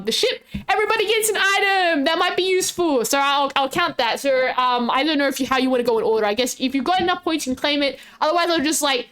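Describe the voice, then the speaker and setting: A woman's voice: high voice, fairly bright tone. A woman hosting a livestream as game master, improvising casually in a cute, playful, giggly anime-streamer manner. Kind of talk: casual improvised role-play narration to a stream chat.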